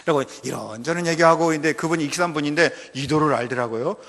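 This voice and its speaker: Male missionary preacher, slightly high voice, humorous storyteller, long reverb of a church hall. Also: fast. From North Jeolla Province, Korea. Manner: lively, humorous storytelling that draws laughs. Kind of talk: sermon with personal storytelling.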